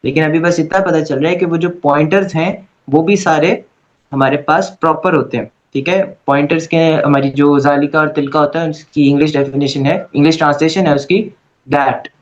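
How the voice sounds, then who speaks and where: A male teacher explains grammar to his class with patient, step-by-step care, often pausing to check that everyone is following. His voice sits a little high for a man. The recording is dull and lo-fi. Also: fairly even intonation. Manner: patient, repeats "okay" to check understanding. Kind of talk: online class lecture.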